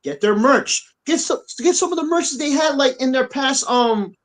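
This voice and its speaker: Brief: high-voiced male podcast co-host, blunt and profane, repeats himself mid-rant. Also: normal speed, rough recording. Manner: blunt, repetitive, profane, animated. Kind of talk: heated opinion rant. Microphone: on camera.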